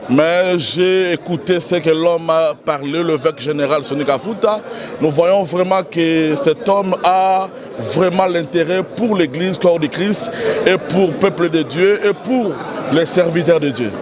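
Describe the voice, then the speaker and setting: A young man, a pastor from Canada, answering press questions in a halting way. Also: on the high side, crowd noise. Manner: halting, repeats words. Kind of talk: interview with press.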